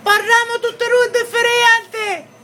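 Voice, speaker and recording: High-pitched Sicilian woman, slow and bright. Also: flat delivery, a little hiss or hum. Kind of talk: chatting with a pet bird.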